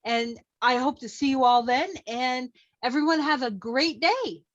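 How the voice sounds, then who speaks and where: Chatty woman host on a video call, high voice, dry and slightly muffled sound. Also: unhurried, no room sound. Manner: friendly, chatty, joking. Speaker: meeting host. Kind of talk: hosting an online meeting.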